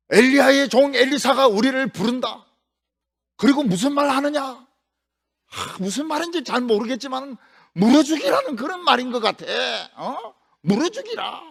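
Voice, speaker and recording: A man's voice: extremely high pitch, sing-song, takes it slowly, creaky, pauses often, pushed and bright, slightly rough, voice pushed up, exaggerated voice. A man voicing a bear that wonders aloud what the prophet is asking of it. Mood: puzzled. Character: talking bear, puzzled and obedient.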